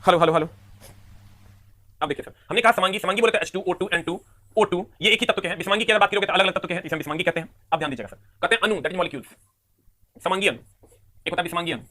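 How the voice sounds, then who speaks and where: A man's voice: high-pitched, racing, bright, forceful tone. A man teaching a live online chemistry class, drilling terms and counting atoms aloud over and over.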